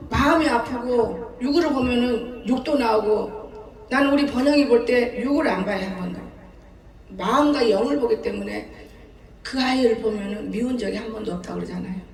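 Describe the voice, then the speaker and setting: A woman's voice: fairly high pitch, moderate pace, darkish tone. Laughing older woman pastor preaching. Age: 70s. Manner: folksy storytelling with frequent laughter. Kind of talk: sermon. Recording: echoey church hall, distant mic.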